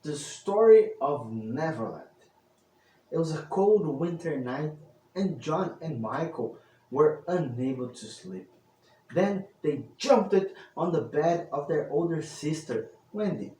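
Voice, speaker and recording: A man who hosts a channel narrates a scripted tale as an old-fashioned storyteller, his voice a little high, mellow, animated and slow. His greetings and sign-off are theatrical and grandiose, and the roomy, distant mic picks up faint noise.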